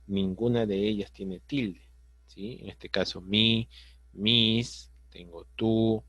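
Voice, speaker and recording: Slow, low-voiced male teacher. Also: steady tone, fairly bright tone, dry recording. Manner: patient, explains step by step, frequent checks like "¿sí?" and "¿ya?". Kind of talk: online grammar lesson.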